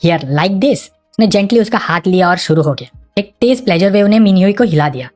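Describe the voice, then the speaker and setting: A woman narrating a comic recap with animated storytelling. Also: medium pitch, brisk, soft background music.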